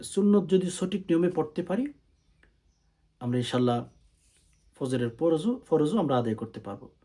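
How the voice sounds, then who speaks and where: Mellow-voiced Bangladeshi man teaching prayer. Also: on the high side. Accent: Bangladeshi Bengali. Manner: explains plainly, then recites Arabic slowly in a chanting tone. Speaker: Islamic prayer instructor. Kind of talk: step-by-step religious instruction.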